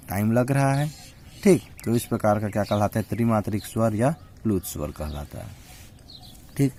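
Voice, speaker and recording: A male teacher with a somewhat low voice, walking through a lesson at an even teaching pace. He keeps asking questions and answering them himself, stretching out sounds to demonstrate them and checking in again and again. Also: a little hiss or hum. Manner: repeats "ठीक है" as a constant check-in; draws out example vowel sounds slowly. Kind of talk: spoken Hindi grammar lesson.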